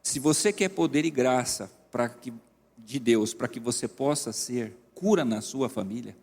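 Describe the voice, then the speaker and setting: A man's voice: mid-range voice, animated, moderate pace, a little mellow, breathy edge. A man with a Brazilian Portuguese accent, preaching a sermon as pastor and putting earnest direct questions to the congregation. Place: large church sanctuary. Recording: long reverb of a large church.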